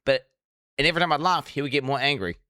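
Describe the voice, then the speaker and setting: Bright, crisp-voiced man rambling profanely. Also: medium pitch, lively intonation, quick pace, no room sound, studio quality. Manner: rambling, profane, restarts often. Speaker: streamer reacting to a documentary. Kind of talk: casual live-stream commentary.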